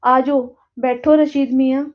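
Woman reading a tearful father, begging, high voice, storybook reading. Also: flat delivery, unhurried, muffled recording. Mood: pleading. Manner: pleading, tearful. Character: Janta, pleading Sikh man, grieving father.

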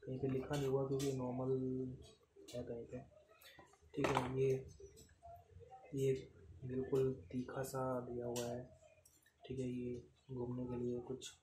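A man, casually demonstrating camping gear in an unscripted way and filling pauses with "theek hai". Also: medium pitch, monotone. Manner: unscripted, repeats "ठीक है", counts items aloud. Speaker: product reviewer. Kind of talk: casual unboxing demo. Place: room with tiled floor, indoors. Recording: echoey tiled room, noisy.

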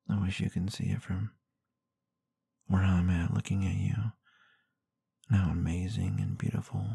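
A man playing a tender, protective, gently dominant boyfriend in an intimate ASMR role-play, murmuring breathy, husky reassurance with soft hums, close to the microphone. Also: deep voice, no room sound, heavily acted. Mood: encouraging, adoring. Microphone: close microphone in a dry space.

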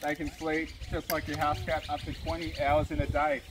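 A man's voice: fairly high pitch, level tone, moderate pace. A young Australian man giving an informal, instructive zookeeper talk outdoors, breaking off to praise and coax the animals. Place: outdoors at a zoo animal enclosure. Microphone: camera a few metres away. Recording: very noisy outdoor phone recording.

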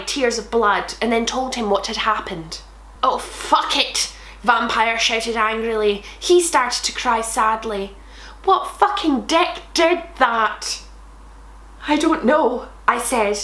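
A woman gives a mocking comedic reading of bad fanfiction, breaking off for sarcastic asides and bursts of laughter. Her voice sits fairly high, and the room around her rings with echo. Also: pushed and bright. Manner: sarcastic, laughs at the text, swears freely. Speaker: host reading fanfiction aloud.

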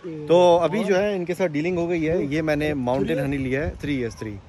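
A man's voice: a little high, normal speed, a crowd in the background. A man in his thirties chatting casually as a travel vlogger, filming himself on a phone at arm's length by the road and while driving. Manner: chatty, often repeats blessing phrases and fillers. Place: outdoors by a rural road and inside a moving car. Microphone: phone camera at arm's length. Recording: road and car noise behind.

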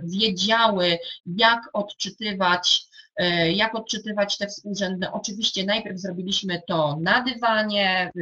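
Bright-voiced woman teacher, hesitant. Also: medium pitch. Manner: hesitant, many fillers and restarts; addresses fellow teachers directly. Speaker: primary school teacher. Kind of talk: explaining a classroom coding activity. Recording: dull lo-fi sound.

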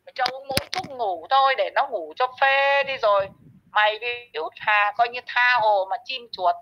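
On her own channel, a woman with a fairly high voice speaks at normal speed in a harsh monologue, ranting at and scolding someone who isn't present. She insults this absent person and speaks to them directly. The audio is muffled and lo-fi.

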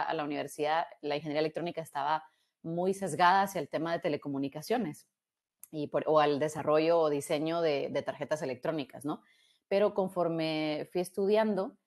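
A woman in her thirties with a Guatemalan Spanish accent, telling her career story in a relaxed, reflective way, often restarting words and adding tag questions, heard through an earbud headset on a video call from a small room. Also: deep voice. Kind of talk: casual conversational storytelling.

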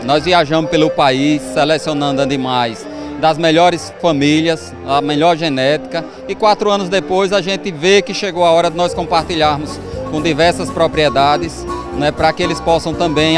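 Man, 40s, farm owner interview, highish voice, loud music. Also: fairly even intonation, moderate pace, hardly any pauses. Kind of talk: on-location interview. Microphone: handheld reporter's microphone.

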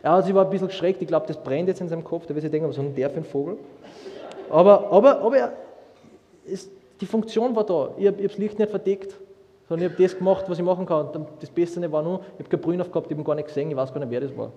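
A young man preaching a sermon, lively and humorous, with many restarts as he tells stories. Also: fairly high pitch, fast, dull audio. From Austria. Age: young adult. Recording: long hall reverb.

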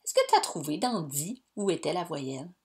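A woman, teaching young pupils in a slow, clear, encouraging way. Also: sits low, sing-song, a little mellow. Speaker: primary school teacher. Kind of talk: recorded lesson for young pupils.

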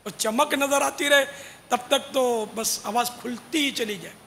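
A religious scholar with a very high, creaky, fairly bright voice explains and admonishes during a religious question-and-answer talk before a large gathering. The recording carries long hall reverb and faint noise.

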